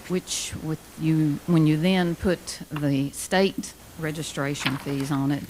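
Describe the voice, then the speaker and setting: Low-pitched woman speaking slowly, deliberately. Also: steady tone, darkish tone, low-quality recording. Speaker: citizen giving public comment. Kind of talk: prepared public comment. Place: indoor meeting room. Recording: faint room noise.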